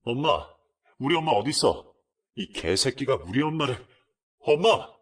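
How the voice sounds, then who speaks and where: A man voicing an enraged adult son who shouts and curses, his voice set back from the mic. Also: fairly high pitch, wildly swooping pitch, measured pace, voice pushed up, exaggerated voice. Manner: furious, shouting insults.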